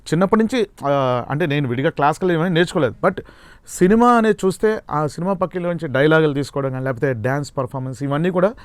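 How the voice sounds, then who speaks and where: Soft-spoken man, high clear voice. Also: lively intonation, quick pace, no echo. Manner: soft-spoken, hesitant with "aa" fillers. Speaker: mimicry artist guest. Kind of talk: casual interview chat.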